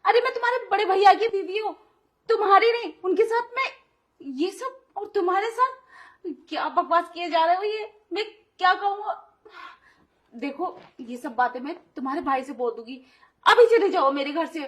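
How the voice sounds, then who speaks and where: A woman's voice: very high-pitched, moderate pace. A woman voicing an indignant young wife in an audio drama, who scolds and protests sharply at her pushy brother-in-law. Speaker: voice actor. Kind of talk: Hindi audio drama acting.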